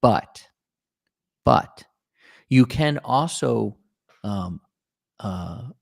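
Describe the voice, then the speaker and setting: A man's voice: fairly low pitch, lively intonation, drawn-out words, vocal fry, a little mellow, no room sound, studio quality. A male podcast host from the Maryland area, chatting casually and joking, with lots of fillers. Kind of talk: casual interview talk.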